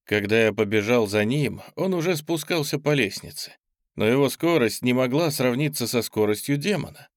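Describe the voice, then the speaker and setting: A man narrating an audiobook in an even, measured reading voice. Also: medium pitch, dry recording, clean studio sound.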